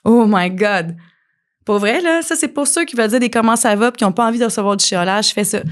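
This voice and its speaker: Animated Québécois woman podcast host. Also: on the high side, quick pace. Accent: Québécois French. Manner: animated, coaching, acts out little scenes. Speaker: podcast host and life coach. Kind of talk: casual solo podcast talk.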